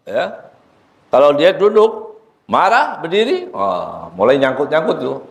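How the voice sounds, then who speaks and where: A man's voice: a little slow, vocal fry. A man, an ustadz, giving a sermon at a book study in a prayer room. He recites Arabic lines and then explains them, and he jokes with the listeners as he goes. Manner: joking, lively swings in pitch, quotes Arabic then explains.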